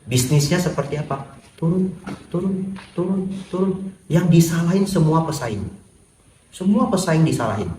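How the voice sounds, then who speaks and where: A man, a Buddhist monk, gives a lively sermon full of humor and rhetorical questions in a temple hall. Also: fairly high pitch, normal speed, pauses often, slight background noise. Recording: echoey hall, far from the mic.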